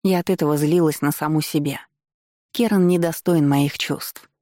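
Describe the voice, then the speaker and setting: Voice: mid-range voice, steady tone, moderate pace, mellow, dry recording, clean studio sound. Чтец любовного фэнтези, сухая запись. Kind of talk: чтение любовного фэнтези от первого лица.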